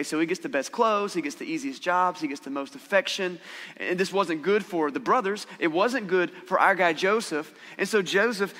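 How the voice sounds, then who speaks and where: A male pastor in his thirties delivers a conversational sermon and keeps asking the congregation questions. His voice sits a bit high for a man and sounds bright and forceful. It carries the long reverb of a church hall.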